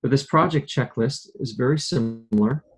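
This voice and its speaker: A man calmly walking a club through an online module over a video call, explaining step by step. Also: medium pitch, normal speed, husky, poor audio. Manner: calm, methodical explaining. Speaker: club presenter. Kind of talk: screen-share walkthrough on a video call.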